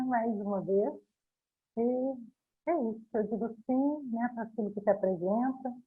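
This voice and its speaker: Brief: woman, husky voice, earnest intro, tinny phone-like audio. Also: medium pitch. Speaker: therapist, workshop participant. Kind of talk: casual self-introduction on a video call. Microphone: video call.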